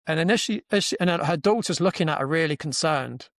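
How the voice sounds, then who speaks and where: A man hosting a podcast, with a slightly high voice, recorded dry and close. He tells a story in a casual, animated way, acting out each quoted line and often restarting his sentences. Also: brisk, no echo. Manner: animated, acts out quoted dialogue, frequent restarts. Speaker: podcast host.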